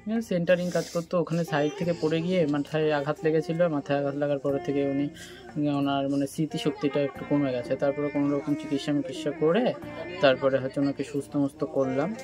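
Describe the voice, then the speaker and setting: A man's voice: a little high, level tone, fairly quick, music in the background. Tearful young man telling his hardship. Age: 20s. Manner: tearful, voice rising and breaking. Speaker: interviewee caring for sick parents. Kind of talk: emotional personal account.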